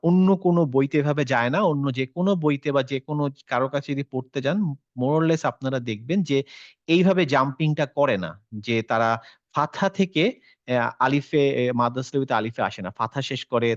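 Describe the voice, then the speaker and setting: A man teaching an online tajweed class, explaining slowly, mixing in English words and modeling the sounds aloud. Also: medium pitch, dry recording, lo-fi sound. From Bangladesh.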